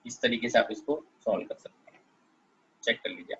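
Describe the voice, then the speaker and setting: A man's voice: mid-range voice, fairly even intonation, normal speed, fairly bright tone, slightly rough, dull audio. A man teaching physics in a classroom lecture, explaining step by step and often checking that students follow.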